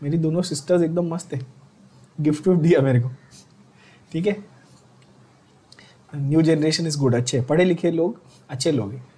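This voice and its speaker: A young Indian man gives a biology lecture in a high, light voice. He chats and jokes with his students, then drops to a slow, deliberate pace to dictate the lines they must remember. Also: mellow, husky. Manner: chatty, joking asides, slows right down to dictate English lines. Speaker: biology teacher. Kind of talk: online exam-prep lecture.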